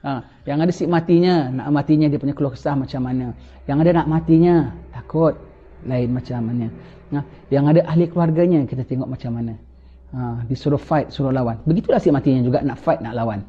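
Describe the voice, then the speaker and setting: A man gives a religious lecture, preaching in an animated way and often prompting listeners with "ha?". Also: medium pitch, a little fast, slightly rough. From Singapore. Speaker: religious teacher. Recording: lo-fi dull lecture recording.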